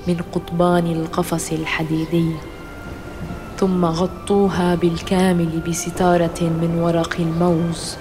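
A narrator reading a scripted children's adventure story in a measured storytelling style. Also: male voice, fairly high pitch.

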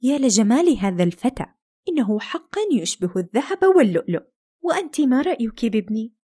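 A woman's voice: on the high side, sing-song, fast talker, warm tone, husky. A woman voicing a young princess and mother in a fairy tale, fearful and sarcastic by turns. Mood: anxious, haughty. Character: anxious proud princess, young mother, sharp-tongued.

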